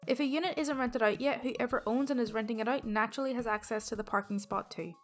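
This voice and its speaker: Woman reading internet stories aloud, steady delivery, higher voice, faint music behind. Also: quick pace. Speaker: storytime channel host.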